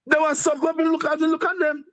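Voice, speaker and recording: High-voiced Jamaican deputy mayor. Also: male voice, little pitch movement, fairly quick, a bit bright. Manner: repetitive, rambling, chuckles nervously. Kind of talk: interviewed on a live stream.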